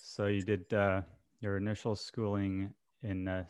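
A man hosting a podcast interview, asking friendly, unhurried questions with some fillers. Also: lowish voice, level tone, a little mellow, smooth, dry recording, clean studio sound. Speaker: podcast host.

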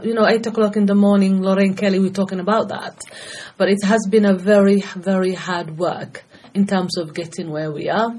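A middle-aged woman from Somalia, campaigning against FGM, offers personal testimony in a podcast interview. She has a mid-range, somewhat mellow voice with a breathy edge. Earnest and passionate, she talks a lot and keeps restarting her thoughts.

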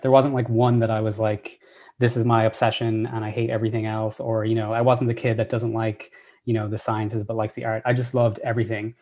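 An Irish man in his thirties, a professor telling his story in a relaxed interview, enthusiastic and full of ums and restarts. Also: medium pitch. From Ireland. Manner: enthusiastic, many fillers and restarts. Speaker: assistant professor, guest.

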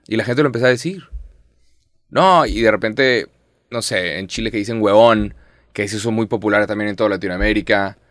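A young Mexican man in casual chat, animated and rambling, sprinkling in slang and swearing. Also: on the low side, brisk, no room sound, clean studio sound. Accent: Mexican Spanish.

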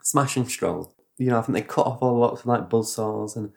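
A man retelling a story in casual podcast chat, animated and rambling, with sound effects. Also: medium pitch, brisk, gravelly. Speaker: podcast host.

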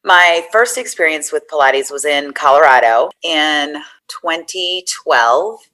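A woman in her forties, a podcast guest telling her story in a chatty, animated way. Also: low voice, slow pace, poor audio. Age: 40s. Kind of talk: conversational interview.

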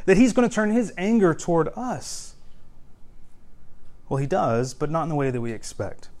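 A man's voice: on the high side, darkish tone. A young man preaching a sermon in a conversational way, with humor and frequent word restarts. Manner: conversational, self-deprecating humor, repeats words when restarting.

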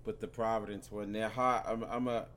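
A man's voice: fairly low pitch, little pitch movement, normal speed, a bit bright. A man co-hosting a casual sports podcast, rambling and stumbling over words while drifting on and off the mic. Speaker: podcast co-host. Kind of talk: casual sports picks chat.

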